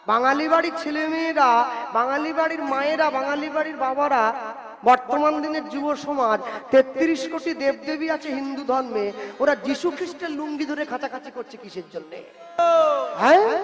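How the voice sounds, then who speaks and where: Male kirtan preacher, emphatic and scolding, high-pitched voice, long hall reverb, music behind. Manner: emphatic, scolding preacher who chants lines for a chorus. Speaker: kirtan performer. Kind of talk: devotional sermon with sung verse.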